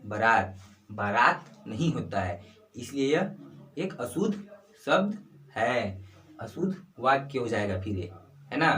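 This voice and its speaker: A man's voice: medium pitch, fairly bright tone, reverberant, recorded from a distance, low-quality recording. A young man teaching a casual online grammar lesson, chatty, often asking himself questions and repeating his examples.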